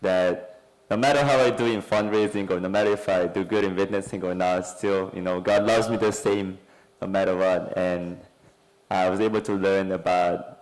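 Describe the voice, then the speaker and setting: A man from Hungary sharing a short, simple testimony in a grateful, slightly halting way. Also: deep voice, steady tone, low-quality recording. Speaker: church member giving testimony.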